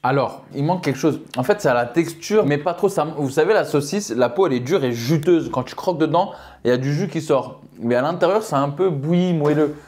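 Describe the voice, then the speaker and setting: A man's voice: a little high, expressive, fairly quick, a little mellow, soft background music. A young man casually talking through a food-tasting vlog, joking and speaking directly to his viewers. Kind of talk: casual vlog with sponsor read.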